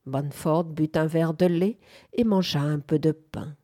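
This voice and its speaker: A woman reading a novel aloud as narrator, in a calm, measured manner. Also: low-pitched. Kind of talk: audiobook narration.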